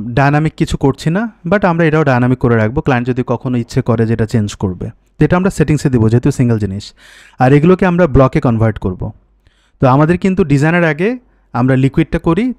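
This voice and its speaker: A man's voice: mid-range voice, a little mellow, no room sound. A man teaching a coding tutorial over a screen recording, thinking aloud, mixing in English technical terms and fixing errors as he goes. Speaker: coding instructor.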